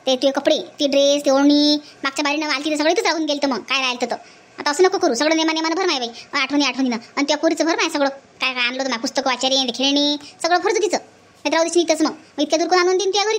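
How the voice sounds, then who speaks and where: A woman's voice: high voice, very fast, natural voice. A woman voicing an older village woman from who scolds and hands out repeated advice. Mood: bossy. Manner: scolding, repetitive advice-giving. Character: older village woman, bossy, lecturing elder.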